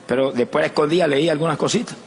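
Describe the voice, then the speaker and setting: A man preaching a fervent sermon and telling his own testimony, breaking into shouted praise. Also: on the high side, rapid-fire. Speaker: evangelist preacher. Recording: long hall reverb.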